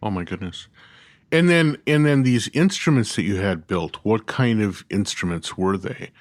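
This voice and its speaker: Male podcast host, low and dry, curious interviewer. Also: lively intonation, moderate pace, no echo. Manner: curious, rambling questions. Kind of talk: casual interview conversation.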